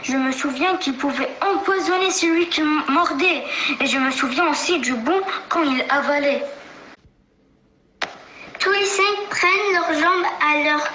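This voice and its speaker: In a roomy recording with faint noise, a woman narrates a children's storybook. Her voice is very high and bright, and she takes her time. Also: measured pace.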